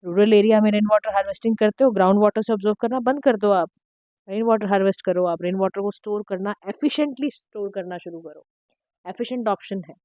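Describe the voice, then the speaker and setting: A woman teacher, giving an exam-prep lecture in a direct, instructive way, her throat slightly hoarse. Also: medium pitch, fast, warm tone, dry recording. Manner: direct, instructive, mixing Hindi and English. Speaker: current affairs teacher.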